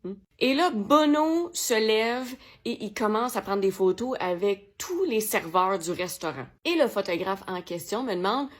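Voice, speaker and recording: A young woman from Quebec with a Québécois French accent, telling a story in a lively, slangy and self-mocking way for her magazine's vlog. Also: medium pitch, a little slow. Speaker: magazine vlogger. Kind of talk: casual first-person storytelling.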